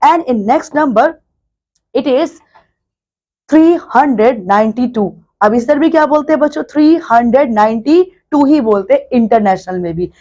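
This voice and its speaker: Young woman teacher, high voice, patient slow delivery, reads numbers to a class. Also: expressive, darkish tone, highs cut off. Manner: mixes Hindi and English, addresses children often. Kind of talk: classroom math lesson.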